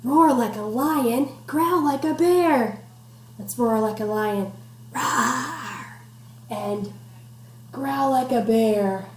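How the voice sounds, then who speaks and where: Speaking extremely slowly in a rather high voice, a woman teacher leads an interactive picture-book reading for kids at home, prompting them with questions and directions. It was recorded indoors in an echoey room with a little background noise.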